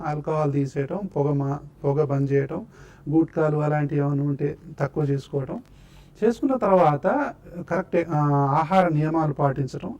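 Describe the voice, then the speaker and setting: Patient explaining doctor, slightly high voice. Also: male voice, warm tone. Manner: patient, explanatory, lists causes and treatments one by one. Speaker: doctor answering health questions. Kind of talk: explanatory TV health talk.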